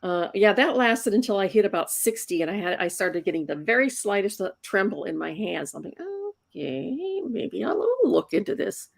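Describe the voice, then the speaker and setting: In a casual interview, a sixty-something comics inker talks chattily with a sing-song, medium-pitched voice that has vocal fry. She speaks at a normal pace with few pauses, often restarting and repeating words as she does.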